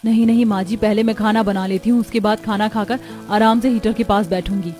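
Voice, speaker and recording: A woman's voice: mid-range voice, fairly even intonation, fairly quick, faint music behind, natural voice. A woman voicing a meek, polite young village daughter-in-law. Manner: soft and polite.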